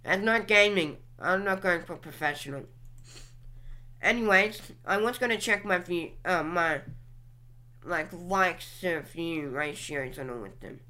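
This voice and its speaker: A woman's voice: fairly low pitch, unhurried, sharp tone. A young woman hosting her own podcast, musing aloud while clicking through her social media accounts. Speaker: podcast host reviewing her channel stats. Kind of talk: casual solo commentary.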